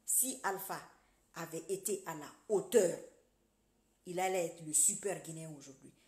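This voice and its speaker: Talking directly to followers, a female social media commentator delivers a casual political monologue in a preachy, lively way, shifting between loud emphatic moments and soft muttered asides. She speaks in a lowish voice at normal speed, with noticeable reverb.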